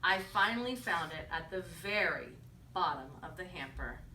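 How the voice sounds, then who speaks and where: A woman with a bright voice reads a children's picture book aloud as a teacher would. She pauses to ask encouraging questions and echo answers. The recording is roomy, picked up from a distance, with faint noise behind her. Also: fairly low pitch, animated. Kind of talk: storybook read-aloud with conversational questions to children. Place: echoey indoor room with children. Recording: echoey room, distant mic, faint noise.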